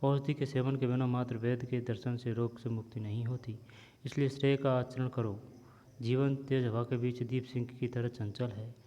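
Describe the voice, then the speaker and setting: A man reading a textbook story aloud as a teacher, pausing now and then to explain words. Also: medium pitch, little pitch movement, dark tone. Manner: reads steadily, pauses to explain words. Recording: dull lo-fi sound with long reverb.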